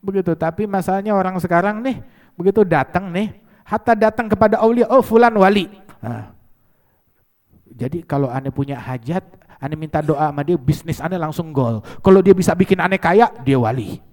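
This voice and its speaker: Animated man preaching. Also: high-pitched, normal speed, big-room sound. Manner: animated storyteller who acts out quoted voices, sprinkling Arabic phrases. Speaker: religious preacher. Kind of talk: sermon with storytelling.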